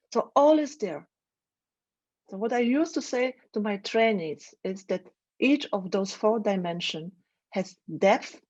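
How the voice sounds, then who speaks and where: A Polish-accented woman trainer gives a live online lecture over a video call, speaking thoughtfully and haltingly and often restarting her phrases. Her voice is medium in pitch and a little mellow, with the highs cut off.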